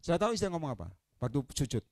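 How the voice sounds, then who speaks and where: A male evangelist preaching with an Indonesian accent and Javanese touches, his fairly high voice leaping up and down as he tells stories. He shifts from hushed asides to ringing declarations. The sound is close and dry. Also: very fast, creaky, dry recording. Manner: animated storytelling, swings from quiet to loud proclamation. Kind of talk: sermon.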